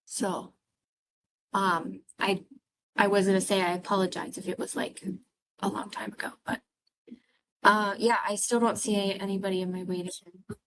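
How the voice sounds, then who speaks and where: Female instructor, chatty and expressive, speaking over a video call. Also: medium pitch, normal speed, pauses often, rough recording. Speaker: nursing clinical instructor. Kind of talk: casual chat before an online class.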